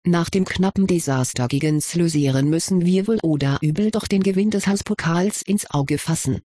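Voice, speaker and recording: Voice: mid-range voice, moderate pace, dark tone, no room sound, clean studio sound, natural voice. A reader voicing a sensible, lightly ironic schoolboy wizard in an audiobook of fan fiction, talking in a level, lecturing way. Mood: reasoning, dry.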